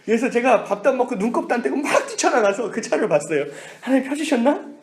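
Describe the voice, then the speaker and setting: A male pastor preaching a sermon, telling a personal story with lively, animated delivery. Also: very high voice, fast, slight background noise. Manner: animated storytelling, whispers inner thoughts. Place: church sanctuary. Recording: echoey church hall.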